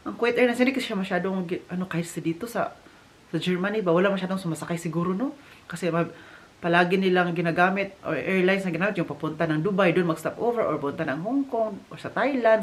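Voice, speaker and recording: A woman from the Philippines vlogging casually from Germany, telling a story with animated restarts and English mixed in. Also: mid-range voice. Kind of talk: casual vlog chat.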